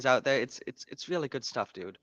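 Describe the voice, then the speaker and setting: A man's voice: mid-range voice, expressive, a little fast, fairly bright tone, no echo, dull audio. A man hosting his own podcast livestream, chatting casually and rambling, joking and cutting himself off mid-thought. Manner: joking, rambling, self-interrupting. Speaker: podcast host and author.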